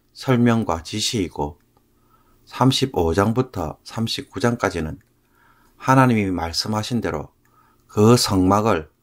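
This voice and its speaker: A man, a pastor, explaining a scripture passage in a measured sermon, phrase by phrase. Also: on the low side.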